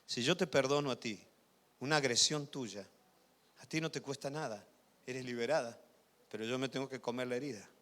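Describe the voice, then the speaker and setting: A male pastor preaching a sermon, swinging loud emphatic passages to quiet intimate asides and often asking the congregation whether they follow. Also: mid-range voice, fairly quick, pauses often. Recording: reverberant church hall.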